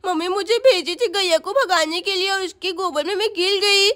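Brief: woman playing a bossy, whiny little village girl in a doll story; shrill, squealing, complaining. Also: normal speed, fairly bright tone.

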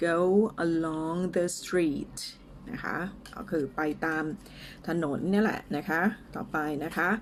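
A Thai woman teaching English in a casual lesson, speaking slowly and carefully as she drills pronunciation, with a few fillers. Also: sits low, slight background noise.

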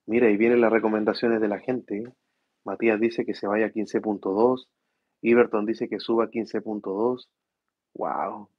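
A tired man, hosting a casual tech livestream from home and speaking softly so his sleeping kids don't wake. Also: lowish voice, little pitch movement, normal speed, breathy edge, dry recording, dull audio. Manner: speaks softly to avoid waking his children. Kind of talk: casual live chat reading viewer questions. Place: room at home at night.

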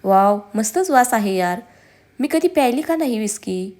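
A woman's voice: fairly high pitch, expressive, moderate pace, darkish tone, natural voice. A woman voicing a playful, pouty young pregnant wife in a storybook, coaxing and sulky.

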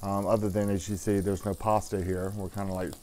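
A middle-aged man, an executive chef, talking through a dish while cooking at a studio stove, casual and halting with lots of ums. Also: deep voice, flat delivery, warm tone. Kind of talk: cooking demo interview.

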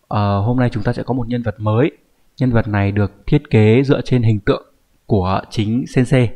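A man's voice: mid-range voice, darkish tone. A man teaching a grammar lesson, explaining patiently and often checking in with the viewer. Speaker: Japanese language teacher.

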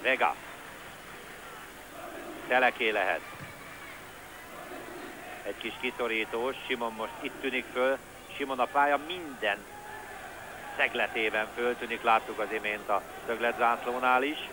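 A man's voice: medium pitch, steady tone, pauses often. Male football commentator over noisy stadium ambience. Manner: conversational, clipped player-name calls. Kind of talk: live football match commentary. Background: stadium crowd noise.

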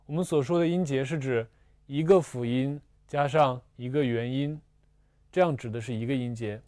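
A man teaching a language lesson, slowly explaining spelling and pronunciation with patient repetition and small fillers. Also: mid-range voice, dark tone, dry recording, studio quality. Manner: slow and patient, repeats syllables twice, fillers like "啊" and "呃". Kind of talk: slow, deliberate classroom explanation.

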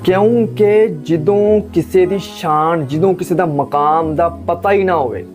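A religious speaker delivers an impassioned talk in a fairly high male voice, pressing his audience with rhetorical questions and repeated phrases. He comes from Pakistan. Soft music plays faintly underneath. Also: unhurried. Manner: rhetorical questions and emphatic repetition.

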